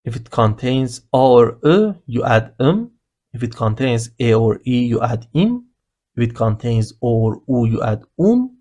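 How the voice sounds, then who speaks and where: Slow patient male language teacher. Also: mid-range voice, very animated, dark tone. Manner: patient, spells out grammar rules step by step. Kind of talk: slow explanatory lesson narration.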